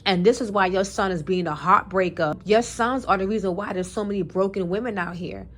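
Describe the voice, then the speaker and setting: A woman's voice: medium pitch, brisk, a little hiss or hum. A woman speaking her opinions in a preachy, emphatic monologue, using colloquial talk, repeating phrases for emphasis and citing scripture. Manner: colloquial speech with scripture references. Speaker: commentary vlogger.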